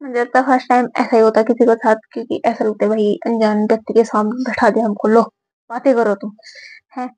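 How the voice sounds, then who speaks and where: A woman's voice: a little high, flat delivery, fast, hardly any pauses, a little mellow, slightly rough, no room sound, rough recording. A young woman in her twenties, chatting casually to camera as a vlogger and giggling now and then while she tells a personal story. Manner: giggly, chatty, repeats filler words often.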